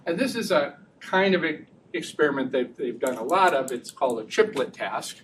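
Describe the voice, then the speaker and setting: A man giving an academic research talk and taking audience questions, chatty and relaxed, laughing easily and often restarting sentences. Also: a little high, normal speed. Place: lecture room. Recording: distant mic with faint room noise.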